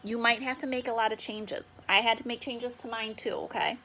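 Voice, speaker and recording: Bright-voiced upbeat woman teacher. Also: on the high side, a little hiss or hum. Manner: upbeat, encouraging, slows to sound out syllables. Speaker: elementary school teacher. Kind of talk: remote lesson for children.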